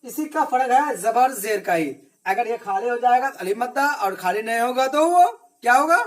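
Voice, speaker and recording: A religious teacher with a very high-pitched, expressive voice gives children an Arabic reading lesson. Patient and repetitive, he asks his class questions and answers them himself, drilling slowly.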